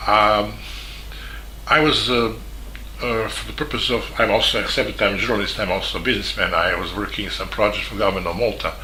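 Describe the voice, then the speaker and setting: Serbian-accented male journalist, lowish pitch, very bright, halting delivery with many pauses; echoey room, faint ambience. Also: fairly even intonation, a little hiss or hum. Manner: halting, with many fillers and restarts. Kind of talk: spoken statement.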